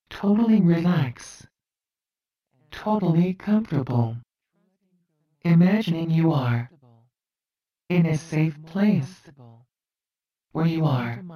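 A woman giving a slow, soothing hypnosis induction in short spoken commands. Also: low voice, dark tone, dull audio.

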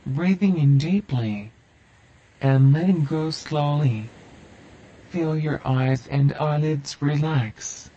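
A man guiding a hypnosis induction in a slow, soothing, repetitive cadence. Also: on the high side, mellow, dull audio, slight background noise.

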